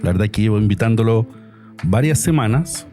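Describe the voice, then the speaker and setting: Low-voiced, mellow podcast host. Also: male voice, expressive, brisk, soft background music. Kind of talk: casual interview chat.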